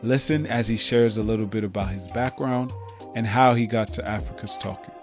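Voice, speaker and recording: A man hosting a podcast, reading scripted introductions in a smooth, measured way. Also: lowish voice, over music. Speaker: podcast host.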